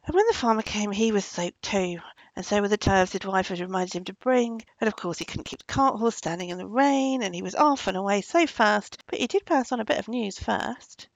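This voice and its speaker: A woman narrating a folk tale gently, sometimes dropping into soft whispers. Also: mid-range voice, animated, fairly quick, creaky, dry recording, rough recording. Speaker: storyteller. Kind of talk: storybook narration.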